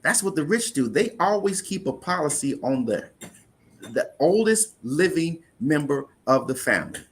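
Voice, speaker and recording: His voice is a little high, with big swings in pitch, and he talks at a normal speed. As an insurance investment guest in an interview, he earnestly walks through money matters in conversation, often restarting sentences and repeating words.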